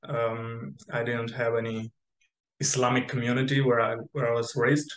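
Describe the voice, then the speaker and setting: A man's voice: medium pitch, level tone, moderate pace, fairly bright tone, a little hiss or hum. A young man who grew up in Spain, telling his story as an interview guest on a video call, rambling with many fillers and restarts. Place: bright room indoors. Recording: echoey room on video call.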